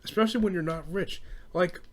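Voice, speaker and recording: This young American podcast host has a high voice and speaks a little fast over some background noise. He rambles in a casual, comedic, exasperated way, packed with swearing and bro slang.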